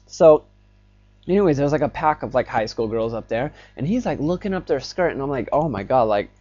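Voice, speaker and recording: A man's voice: medium pitch, animated, a little fast, mellow, highs cut off. A young man telling a rambling personal story to his phone camera in a casual vlog, full of fillers. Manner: rambling, filler-heavy, grows agitated as the story builds. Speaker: vlogger.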